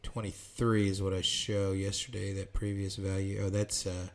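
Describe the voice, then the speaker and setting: A man's voice: sits low, flat delivery, moderate pace. A man giving live trading commentary, calling out prices and orders in short bursts and talking himself through the trade.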